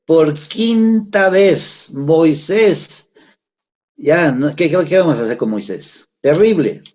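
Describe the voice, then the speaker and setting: Pastor guy, middle-aged, slightly high voice, chatty sermon with lots of questions. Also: big pitch swings, takes it slowly, darkish tone, breathy edge. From Peru. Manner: conversational preaching with rhetorical questions.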